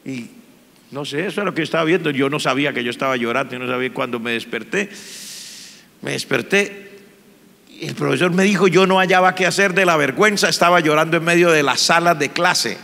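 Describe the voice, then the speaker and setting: A Colombian man preaching a testimony sermon as pastor, telling his story with feeling, at times hushed and at times raised. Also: a little high, brisk, gravelly. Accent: Colombian Spanish. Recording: reverberant church hall.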